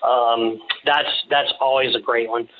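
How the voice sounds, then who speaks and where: A man's voice: mid-range voice, fairly even intonation. Rambling, jokey male guest, very dull lo-fi sound. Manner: jokey, rambling, halting delivery. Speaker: podcast guest, small-business owner. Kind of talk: casual interview chat.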